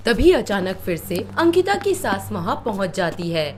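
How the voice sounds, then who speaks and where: Expressive woman narrating a story. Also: medium pitch, normal speed, faint music behind.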